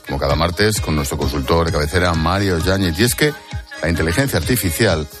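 Casting: male radio host, Spain accent, low voice, casual banter over prominent music. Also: fairly quick. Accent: Spanish, from Spain. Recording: loud music behind.

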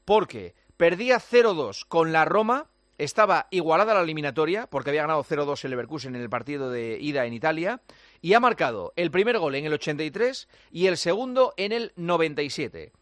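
A man's voice: a little high, animated, a little fast, fairly bright tone, dry recording. A man with an accent from Spain, hosting sports radio with conversational round-ups and banter.

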